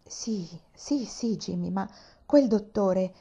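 A proud, nervous aunt, voiced by a woman reading a storybook, speaking with strain and care. The tone is mellow and unsharp. The recording is dull and lo-fi. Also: mid-range voice, slow pace, vocal fry, breathy edge, heavily acted. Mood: anxious. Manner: anxious, tender. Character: anxious stern older aunt, softening.

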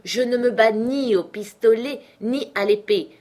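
A woman's voice: fairly high pitch, measured pace, a little mellow, voice pushed up, close to an everyday voice. A woman reading a witty, defiant young doctor. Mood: ironic. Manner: ironic, spirited, defiant.

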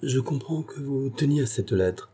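A man's voice: mid-range voice, animated, moderate pace, mellow, husky, pitched above the performer's own voice. A man voicing a proud, reserved young woman in a read-aloud French love story, speaking with cool bitterness. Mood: haughty.

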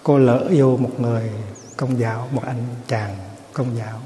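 Older man, Buddhist teacher, mellow, dark tone, gentle storytelling, long hall reverb, faint noise. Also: mid-range voice, moderate pace. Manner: gentle storytelling, calm repetitions. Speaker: Buddhist teacher answering questions. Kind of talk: dharma talk and Q&A.

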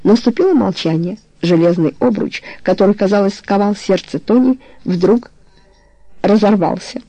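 A narrator reads a romance novel aloud in a steady, measured way. The voice is gravelly and dark, and the recording is close and completely dry. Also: medium pitch, no room sound, low-quality recording. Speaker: audiobook narrator. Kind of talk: audiobook reading of a romance novel.

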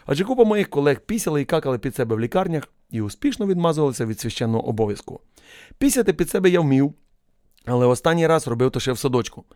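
A male audiobook narrator reads a first-person story with wry irony at a quick clip. The sound is dry and close, with no room echo at all. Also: fairly high pitch, sing-song, darkish tone, clear, resonant tone.

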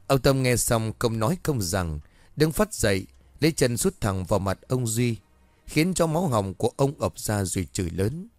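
A man's voice: medium pitch, sing-song, darkish tone, no echo. Dry-voiced male horror storyteller. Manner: measured, formal. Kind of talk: scripted horror story narration.

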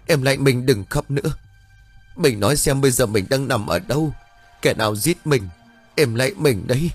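A man's voice: medium pitch, expressive, moderate pace, slightly rough, soft background music, voice pushed up. A man voicing a young wife crying out in distress to the spirit of her murdered husband. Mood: distraught pleading. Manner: pleading, distraught.

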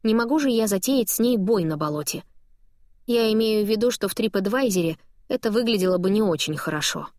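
A woman reading a novel aloud as a first-person audiobook narrator, lively and expressive. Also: medium pitch, a little fast, no echo, clean studio sound.

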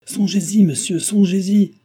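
A man's voice: medium pitch, brisk, slightly rough, natural voice. A man voicing an agitated, stubborn older country postmaster. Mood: shouting. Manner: pleading then shouting, agitated.

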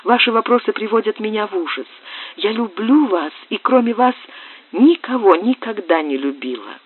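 A woman's voice: mid-range voice, lively intonation, moderate pace, slightly rough, pitched above the performer's own voice. A woman reading aloud voices a desperate young woman in love, pleading in an impassioned, tearful way, on narrow, lo-fi audio.

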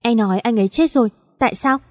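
Storybook heroine: distraught young pregnant woman, pleading, fairly high and mellow voiced by a female narrator. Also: quick pace, natural voice. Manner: pleading, breaking into sobs.

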